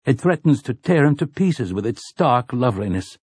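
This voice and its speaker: A husky-voiced man reads a dark fantasy audiobook with measured, intense pacing. His mid-range voice sits close to the mic, completely dry with no room sound. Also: mid-range voice, big pitch swings, no echo. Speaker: audiobook narrator. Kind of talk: scripted dramatic narration.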